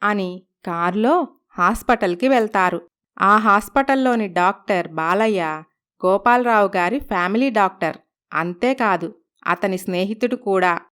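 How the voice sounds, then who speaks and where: Smooth-voiced woman narrator. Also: mid-range voice, unhurried. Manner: steady, storytelling. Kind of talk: scripted story narration.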